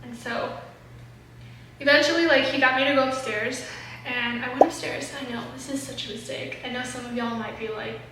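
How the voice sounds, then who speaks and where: High, bright young woman vlogging. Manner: candid, rambling, with frequent swearing and fillers. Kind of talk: confessional storytime monologue. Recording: echoey room, mic set far off, faint noise.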